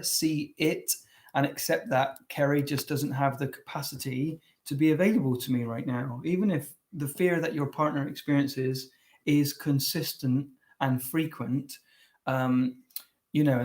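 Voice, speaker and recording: A man co-hosting a relaxed teaching talk on relationships, earnest and conversational, often restarting his sentences. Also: medium pitch. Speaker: co-host. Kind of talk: casual teaching chat.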